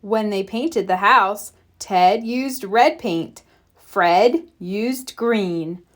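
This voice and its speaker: A medium-pitched woman reads a bedtime picture book aloud for young children, telling the story in a deliberate, expressive way.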